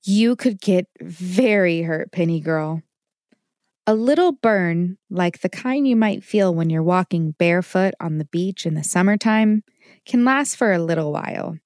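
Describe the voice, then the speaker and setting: A woman playing a caring mother who calmly explains kitchen safety to her child in a children's show. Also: fairly low pitch, a little slow, no echo, clean studio sound. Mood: reassuring. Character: caring mother, warm and reassuring.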